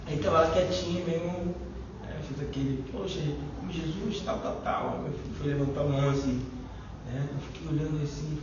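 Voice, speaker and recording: A man's voice: medium pitch, noisy background. A middle-aged man with a Brazilian Portuguese accent sharing a rambling, informal testimony at a Bible study, full of fillers. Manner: chatty, rambling, fillers like "né" and "e tal". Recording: echoey, distant, dull lo-fi room recording.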